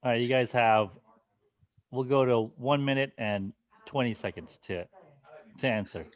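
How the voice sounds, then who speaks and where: A man hosting a festival stream, briskly running trivia in casual chat. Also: mid-range voice, lo-fi sound.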